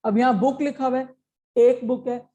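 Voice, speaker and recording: Here a woman with a high, mellow voice talks at normal speed in a level tone, and the recording has its highs cut off. Her exam-prep grammar lesson proceeds step by step in a mix of Hindi and English, punctuated by frequent short checking questions.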